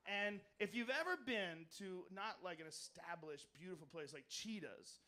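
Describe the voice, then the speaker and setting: A man doing stand-up comedy on a club stage, telling a story loudly and profanely, with mumbled asides and shouted punchlines. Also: sits high, animated, moderate pace, very noisy.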